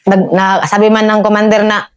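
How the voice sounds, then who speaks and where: A woman's voice: mid-range voice, level tone, moderate pace, smooth. A woman corporal telling her combat story to an officer, respectful and deferential. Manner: respectful, says "sir" after nearly every phrase. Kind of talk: interview storytelling.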